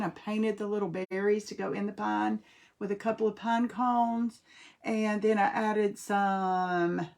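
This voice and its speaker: Chatty woman with a North Carolina Southern accent. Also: medium pitch. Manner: chatty and folksy, greeting viewers by name. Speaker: craft host. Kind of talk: live-streamed craft demonstration.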